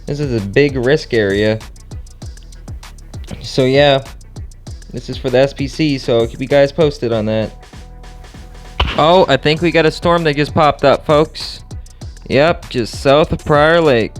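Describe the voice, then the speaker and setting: A man's voice: medium pitch, a little slow, long pauses, soft background music. A man giving casual play-by-play vlog commentary as a storm chaser, addressing his viewers directly and repeating short phrases. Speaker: storm chaser and video host.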